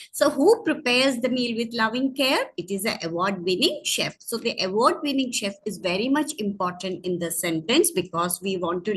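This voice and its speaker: Woman teaching grammar online, slightly husky. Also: medium pitch, fairly bright tone, low-quality recording. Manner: patient, explanatory, with frequent restarts and self-corrections. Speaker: English teacher. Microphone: screen-share online session.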